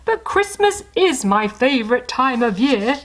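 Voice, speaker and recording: A woman voicing a jolly, excitable Santa Claus in a loud, singsong, exuberant storybook manner. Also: high voice, measured pace, pitched above the performer's own voice, exaggerated voice. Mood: flustered, cheerful.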